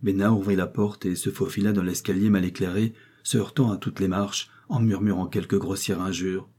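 A man narrating a novel as an audiobook reader in a measured, even way. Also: sits low, slightly rough. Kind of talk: scripted narration.

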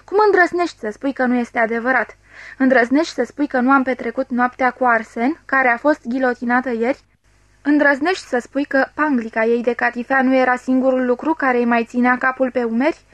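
Frantic young man, pleading and accusing, high pitch, dry close sound, read by a woman. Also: steady tone, fairly bright tone, dry recording, highs cut off. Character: agitated young man insisting on a nightmare.

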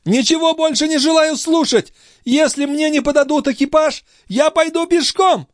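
A man reading a frantic young noblewoman and grieving mother in an audiobook, pleading and then rising to shrill commands. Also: normal speed, dry recording, clean studio sound.

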